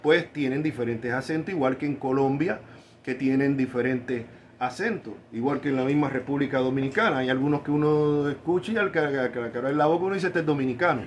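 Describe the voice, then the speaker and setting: A man preaching a sermon, stressing key words by drawing them out slowly. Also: medium pitch, muffled recording, a little hiss or hum. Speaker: pastor.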